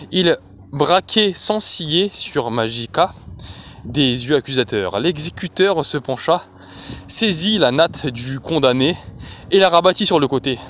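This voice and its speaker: Slow, expressive male audiobook reader. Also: fairly high pitch, slight background noise. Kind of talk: reading a fantasy novel aloud.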